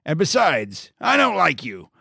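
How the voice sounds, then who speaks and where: A man's voice: a little high, wildly swooping pitch, measured pace, vocal fry, bright, forceful tone, slightly rough, no echo, studio quality, full character voice. A man voicing a furious building manager who accuses the tenants, in a read-aloud mystery story. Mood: angry. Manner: blustering, accusing. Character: furious male building manager, red-faced shouter.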